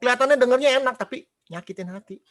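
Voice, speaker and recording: A man preaching a casual sermon, animated, quizzing the congregation and mimicking gossiping people. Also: extremely high pitch, rapid-fire.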